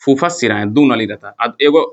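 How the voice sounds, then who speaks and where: A man's voice: mid-range voice, fast, lo-fi sound. Teacher drilling his class. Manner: quizzes the class with call-and-response questions, repeating key terms. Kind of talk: classroom lecture. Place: classroom with students.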